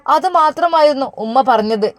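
Casting: earnest woman storyteller, steady narration, dry close recording. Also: high-pitched, normal speed, no room sound. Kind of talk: reading a serialized family story.

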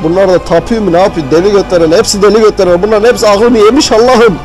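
A young man doing profane, excitable horror game commentary, with a mock newscaster tone. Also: high voice, quick pace, faint music behind, rough recording. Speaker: gaming video host.

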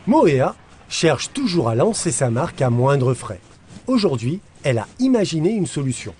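A man giving scripted voice-over narration for a business report, with an even, lively delivery. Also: fairly high pitch, normal speed, slight background noise.

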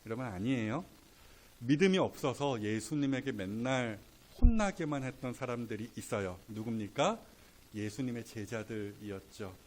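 A male pastor preaching a sermon, swinging between soft, casual asides and loud, drawn-out emphatic lines. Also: mid-range voice, animated. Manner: colloquial, playful asides.

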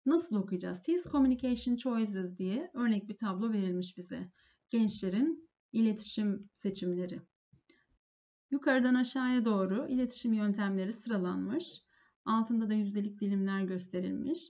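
A woman English teacher giving a lesson, saying each phrase slowly and then translating it. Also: mid-range voice, mellow, lo-fi sound. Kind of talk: lesson explaining phone phrases.

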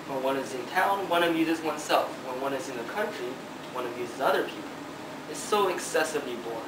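A young man in his teens acting a breezy, lovestruck gentleman in an amateur play, with formal, exclamatory delivery. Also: mid-range voice, lively intonation, fairly quick, natural voice. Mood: breezy boredom. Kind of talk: amateur stage-play acting for a student project. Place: large living room, indoors. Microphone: camera a few metres away. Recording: echoey, noisy room from camera distance.

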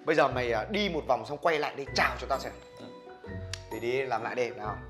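A man playing a bossy young man who loudly coaches a friend in a comedy skit. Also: medium pitch, quick pace, over music, close to an everyday voice. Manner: loud, bossy, animated scolding.

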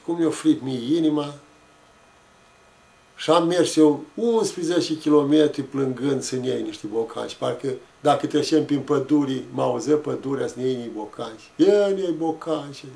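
A man, telling a childhood story in a slow, reflective, folksy way. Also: mid-range voice, vocal fry, mellow.

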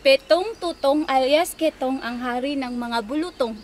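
A woman's voice: sits high, normal speed. A woman with a Filipino accent, playfully coaching tongue twisters, correcting and repeating words like a teacher. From Philippines. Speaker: wife hosting a tongue twister challenge. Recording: noisy home-video recording.

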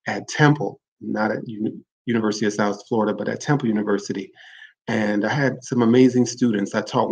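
A man's voice: lowish voice, gravelly, poor audio. A man hosting a livestream, giving an earnest, reflective talk on literature and often restarting phrases to correct himself. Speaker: livestream host discussing literature. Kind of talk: informal literary talk with read-aloud excerpts.

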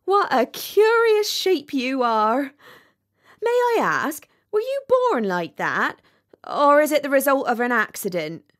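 A woman voicing a peaceable, practical female duck in a storybook, chatty and homely, with emphatic, drawn-out delivery. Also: high-pitched, sing-song, pitched above the performer's own voice, heavily acted. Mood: loud, curious. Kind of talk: storybook character reading.

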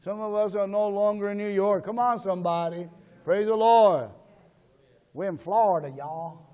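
A male pastor preaching a sermon in call-and-response style, swinging between shouted calls and low asides. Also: moderate pace, long reverb tail, muffled recording.

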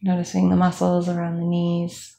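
A young woman instructor leading a calm guided body scan meditation, speaking slowly with soft fillers. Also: on the low side, creaky. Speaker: movement instructor.

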